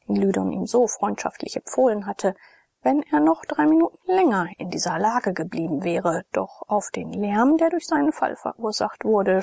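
A woman narrating a classic novel as an audiobook, reading in a dramatic, expressive way. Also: mid-range voice, creaky, breathy edge, no echo, clean studio sound.

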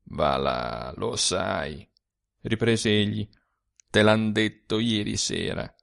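A man voicing a hushed, gravelly old dead man. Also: takes it slowly, heavily acted. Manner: hushed, low and confiding. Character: dead old bald man, sad and secretive.

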